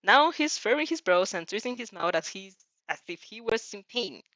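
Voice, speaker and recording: Animated and a little bright, this woman's mid-range voice carries a dramatic second-person fan fiction reading at moderate pace, complete with reactions. No room sound is audible.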